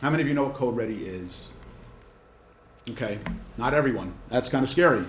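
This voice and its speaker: A man testifies before a committee, talking quickly and urgently and often restarting his sentences. His voice echoes around a roomy hearing room, with a faint hum underneath. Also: mid-range voice, animated. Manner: rapid, urgent delivery with restarts. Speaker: county representative testifying.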